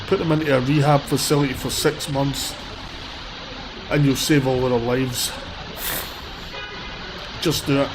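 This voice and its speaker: A man livestreaming from a city street on a handheld phone delivers blunt, rambling commentary at a measured pace with long pauses, his medium-pitched voice barely moving. He has a cold and sniffles slightly. Music plays in the background along with loud traffic and vehicles, and the recording is rough.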